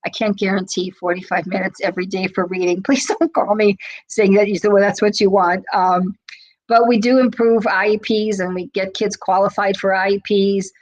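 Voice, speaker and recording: A woman's voice: medium pitch, fairly even intonation, moderate pace, lo-fi sound. A chatty woman in her fifties speaks over a video call, full of ums and restarts. She is an advocate giving a webinar, with a mid-range voice for a woman. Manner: chatty storytelling with many fillers. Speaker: special education advocate. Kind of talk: webinar presentation.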